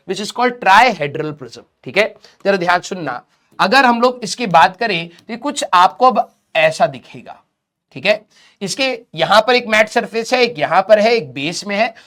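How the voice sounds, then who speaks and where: Slow-talking male teacher with a sore throat. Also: high voice, fairly bright tone. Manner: slow, repeats key terms, quizzes students and answers himself; mixes English phrases into Hindi. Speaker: physics teacher. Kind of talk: recorded video lecture.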